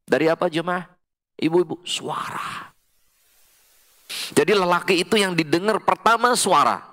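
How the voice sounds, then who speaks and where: A man preaching a mosque sermon to women, reciting Quranic verses slowly and explaining with sudden high emphatic calls, with an Indonesian accent. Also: sharp tone. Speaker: Islamic preacher.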